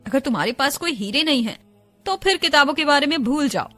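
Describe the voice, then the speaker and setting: A woman's voice: sits high, animated, a little fast, bright, forceful tone, faint music behind. Woman voicing an eager young bookseller boy. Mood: disappointed. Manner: eager, pleading salesman's patter.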